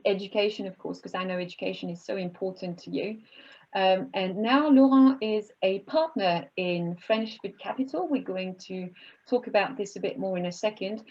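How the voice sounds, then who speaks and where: A woman hosting and moderating a panel webinar, chatty, with many fillers and restarts. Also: medium pitch. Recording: dull lo-fi webinar audio.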